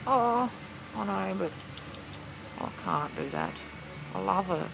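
A man voicing a meek, hard-up Australian bloke in a silly comic redub, halting, mumbling and apologetic. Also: high voice, wildly swooping pitch, vocal fry, over music, exaggerated voice, rough recording. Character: whiny, meek, hard-up bloke pleading on the street. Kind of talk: silly mismatched comic redub of distant people.

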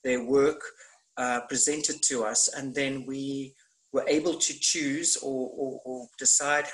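Speaking slowly and steadily with a medium-pitched, fairly bright voice, a middle-aged theatre maker takes part in an online panel discussion from home. The video call audio comes through a laptop webcam at low quality, and he hesitates thoughtfully, using many fillers while gesturing broadly.

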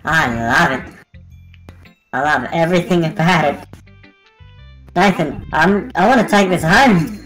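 A woman's voice: deep voice, animated, measured pace, long pauses, fairly bright tone, soft background music. A woman voicing a shy, obsessive schoolgirl from a visual novel, gushing with hesitant, intense adoration. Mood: adoring, nervous. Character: shy, obsessive, breathlessly adoring teenage schoolgirl. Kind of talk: visual novel character dubbing.

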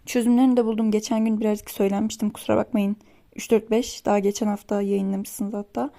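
A woman's voice: mid-range voice, little pitch movement, fast talker, vocal fry, mellow. A young woman casually vlogging her study day, chatty and rambling, getting worked up over small annoyances. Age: young adult. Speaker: vlogger, exam student. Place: home, then a library.

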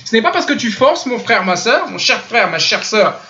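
A man's voice: high voice, big pitch swings, moderate pace, pushed and bright. A French-speaking man giving an online religious lesson, insistently correcting pronunciation by demonstrating the sounds himself. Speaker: Islamic teacher. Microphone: computer mic in online voice chat room. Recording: lo-fi online voice chat audio.

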